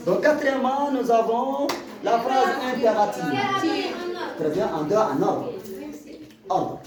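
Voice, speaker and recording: Man teaching, echoey classroom. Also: high voice. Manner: repetitive, stammering restarts, explains with examples. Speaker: French teacher. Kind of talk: classroom grammar lesson. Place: school classroom. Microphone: far from the mic. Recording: echoey classroom, far mic, student noise.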